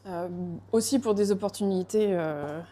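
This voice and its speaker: Hesitant woman pastry chef, mellow voice. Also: medium pitch, normal speed, slight background noise. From France. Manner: hesitant, many fillers and restarts. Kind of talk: casual conversation.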